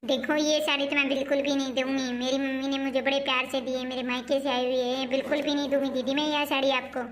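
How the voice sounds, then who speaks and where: A stubborn young daughter-in-law, acted by a woman in a home-made comic family skit, who keeps refusing in an insistent way. Her voice is high. A faint hum of ambient noise sits behind her. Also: little pitch movement, fast talker, natural voice.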